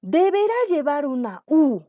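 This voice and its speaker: Patient woman teacher, slow and lively in pitch, recorded dry on a phone-like line. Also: no room sound. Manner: patient, repeats example words slowly. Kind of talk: spelling lesson.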